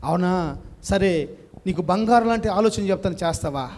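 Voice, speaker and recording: A man's voice: high-pitched, lively intonation, moderate pace, a little mellow, a little hiss or hum. A man voicing a shrewd neighbor who questions and scolds an old man in a sermon story. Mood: scolding.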